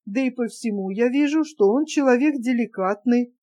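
A woman's voice: fairly high pitch, normal speed, dark tone, close to an everyday voice. Woman reading as an eager pleading young dreamer. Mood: persuasive. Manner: pleading and persuasive.

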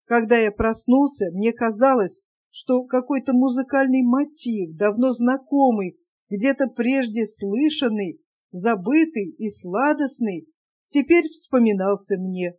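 A woman's voice: on the high side, a little slow, a little mellow. A woman voicing a shy, lovesick young man who speaks in an earnest, pleading, heartfelt way, in an audiobook reading. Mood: wistful, pleading.

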